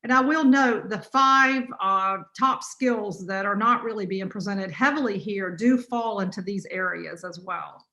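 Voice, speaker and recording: A middle-aged woman with a North Carolina accent gives an online conference talk as a college teacher. She talks fast and chatty, full of little fillers, in a bright, forward voice. It sounds like a computer mic on a video call. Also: medium pitch, muffled recording. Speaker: college business teacher presenting.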